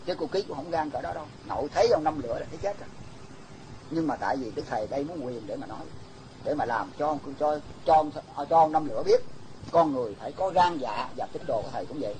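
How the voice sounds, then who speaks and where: A man's voice: on the high side, animated, fast, dark tone, a little hiss or hum, rough recording. Homely man telling devotional tales. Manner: homely, repetitive retelling, often restarting phrases. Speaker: religious storyteller. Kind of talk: devotional storytelling to listeners.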